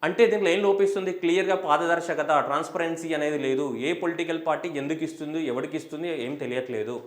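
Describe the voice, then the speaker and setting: A man's voice: fairly high pitch, steady tone, quick pace, echoey room. A man, teaching an exam-prep class and firing questions he answers himself. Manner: emphatic, asks and answers his own questions; switches between Telugu and English. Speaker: teacher for competitive exams. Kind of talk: classroom lecture.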